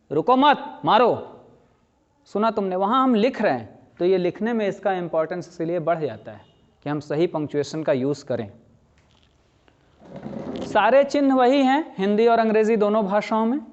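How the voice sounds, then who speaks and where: Hindi-speaking male teacher with a high, lo-fi voice. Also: darkish tone. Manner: explains slowly, repeats key phrases, asks students questions. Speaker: language teacher. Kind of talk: classroom lecture. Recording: slightly dull lo-fi sound.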